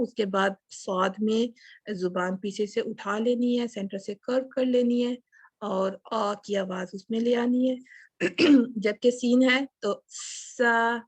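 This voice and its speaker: A woman's voice: a little high, husky, dry recording. A woman teaching a Quran recitation lesson, explaining letter sounds step by step and demonstrating them aloud. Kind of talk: tajweed lesson.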